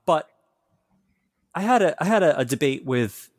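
A man's voice: on the high side, very animated, moderate pace, no echo, clean studio sound. A man hosting an interview podcast, talking in a hesitant, searching way full of restarts. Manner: hesitant, many restarts and fillers. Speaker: podcast host. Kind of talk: casual interview conversation.

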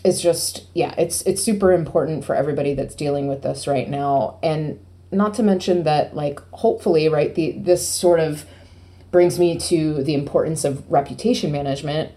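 A woman chats on a podcast in a deep, mellow voice. She rambles playfully and fills her talk with "like" and "you know". Her tone stays warm and dark. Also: moderate pace. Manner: rambling, playful, filler-heavy. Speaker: podcast co-host, PR agency. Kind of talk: casual podcast chat.

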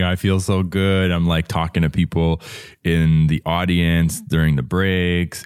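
A man vlogging about his own experience in casual speech, lively and animated, acting out what he said and thought. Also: low-pitched, no echo, clean studio sound. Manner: animated, acts out quotes of himself. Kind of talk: casual storytelling to camera.

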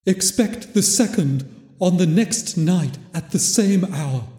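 A man voicing a mournful male ghost in chains, solemn and drawn-out, with an echoing reverb effect. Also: high voice, lively intonation, dark tone, voice pushed up. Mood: solemn warning. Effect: hall reverb. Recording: long echoey reverb.

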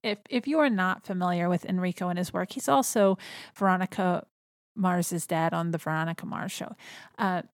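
A woman's voice: fairly low pitch, moderate pace, no echo, studio quality. A woman hosting a podcast in an enthusiastic, chatty way. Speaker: podcast host. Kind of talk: casual chat.

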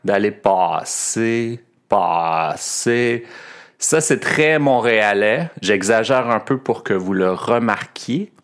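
A French teacher and podcast host with a medium-pitched, slightly bright voice runs a pronunciation lesson. He speaks a little slowly with few pauses, explaining patiently and repeating words to show how they sound.

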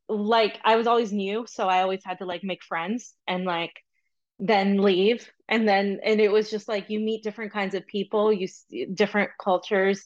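In a muffled recording, a young woman with a mid-range voice talks as a podcast guest. She comes from Peru, grew up in Florida, and rambles casually through the interview, chatty, with many ums and quick asides.

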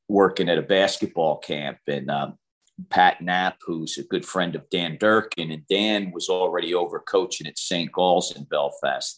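Deep-voiced middle-aged man, coach-guest type, rambling storyteller with lots of fillers. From United States. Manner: rambling, many fillers and restarts. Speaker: basketball shooting coach, guest. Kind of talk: casual storytelling interview.

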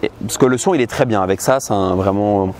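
Outdoors amid city traffic, a thirtysomething man delivers a casual vlog monologue into a handheld camera. His fairly low voice has a darkish tone and a fairly quick pace, and he speaks bluntly and candidly, with plenty of filler. The noisy street recording keeps traffic and ambient noise clearly beneath his words.

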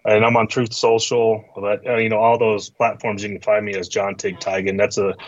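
A man's voice: lowish voice, level tone, moderate pace, no echo, highs cut off. A man being interviewed as a guest, talking casually with lots of fillers and restarts. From Colorado Springs. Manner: casual, rambling, many fillers. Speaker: guest, mayoral candidate.

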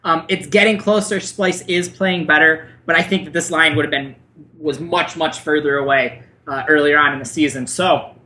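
A man's voice: on the high side, fairly even intonation, moderate pace, sharp tone. A man co-hosting a podcast in casual chat, explaining his picks enthusiastically and bluntly. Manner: enthusiastic, blunt, swears when worked up. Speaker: podcast co-host.

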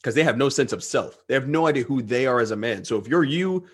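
A man hosting a podcast, talking in a blunt, profane and animated way during a casual conversation. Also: medium pitch, quick pace, breathy edge. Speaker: podcast host.

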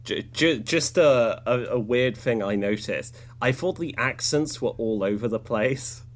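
A man's voice: mid-range voice, measured pace. A man co-hosting a podcast in casual chat, loose and full of fillers like "like" and "uh". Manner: relaxed, filler-heavy talk with lots of "like". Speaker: podcast co-host.

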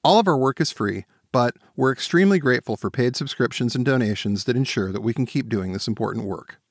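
A man's voice: mid-range voice, animated, quick pace. Man co-hosting a political podcast. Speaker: podcast co-host.

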